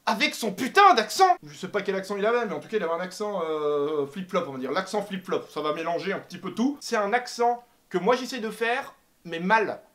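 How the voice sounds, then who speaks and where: A young man doing a comic rant to camera, animated and exaggerated, swearing and laughing often. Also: high voice, fairly quick. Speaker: comedy vlogger. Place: apartment.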